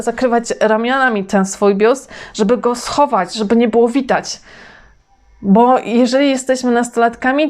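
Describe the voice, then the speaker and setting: A woman hosting a self-help talk for women, speaking slowly and deliberately and addressing the listener directly. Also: fairly high pitch, darkish tone. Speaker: self-help channel host.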